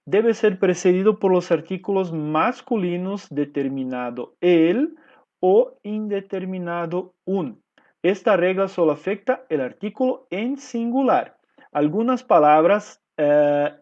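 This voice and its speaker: Brazilian male teacher for a recorded class, slightly high voice, patient explanations with frequent tag questions, dull lo-fi sound. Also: a little mellow. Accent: Brazilian Portuguese. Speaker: Spanish teacher.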